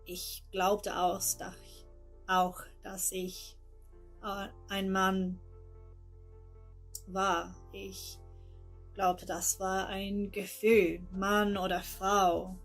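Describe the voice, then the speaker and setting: A young Englishwoman giving a recorded personal testimony, her voice gravelly and held to a flat, narrow pitch. She speaks very slowly, with careful pauses, in an English accent shaped by her first language. Soft music plays faintly behind her. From England. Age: 20s. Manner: slow, halting, careful speech with pauses.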